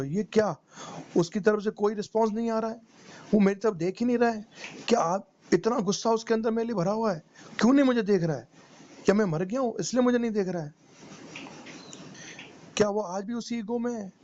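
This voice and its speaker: A man's voice: high voice, a little mellow. A man, a meditation teacher, narrating a motivational first-person story in an emotional, pleading way. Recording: dull lo-fi recording with faint noise.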